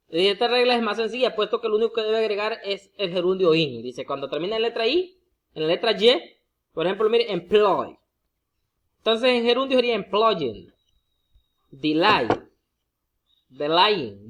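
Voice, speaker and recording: Patient teacher repeating each example. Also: medium pitch. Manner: addresses the viewer directly, often with a coaxing "look". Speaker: English teacher. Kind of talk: explaining grammar rules to students.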